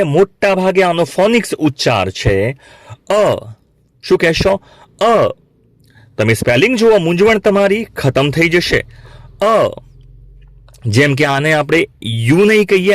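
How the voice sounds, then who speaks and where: A man teaching English phonics to beginners, saying each sound slowly and asking learners to repeat it back. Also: fairly high pitch, no room sound. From Gujarat, India. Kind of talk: classroom lesson for beginners.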